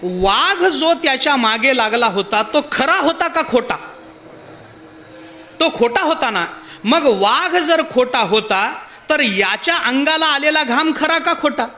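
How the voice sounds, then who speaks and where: A man with a very high voice speaks at a measured pace in a devotional discourse. He tells a parable with animated storytelling and puts rhetorical questions to his listeners.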